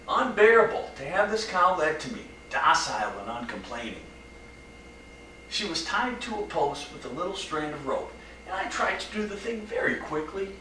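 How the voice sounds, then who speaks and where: A brooding, haunted man, played by an actor speaks a dramatic monologue, his measured, hushed delivery breaking into urgent bursts. His voice is bright and swings widely in pitch. He is recorded at some distance from the mic in an echoey room. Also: a little hiss or hum. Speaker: stage actor. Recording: roomy echo from mic distance.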